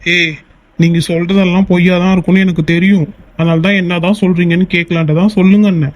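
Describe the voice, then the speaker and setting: A man's voice: high voice, flat delivery, quick pace, no echo, natural voice. A man voicing a protective young male lover in a cartoon, stern and questioning.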